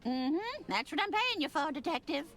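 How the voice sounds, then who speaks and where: A woman's voice: sits high, lively intonation, moderate pace, a bit bright. A woman playing an elderly, shrewd railway matriarch in a comedic game, grand, wry and amused. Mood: dry. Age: older. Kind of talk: comedic adventure game acting.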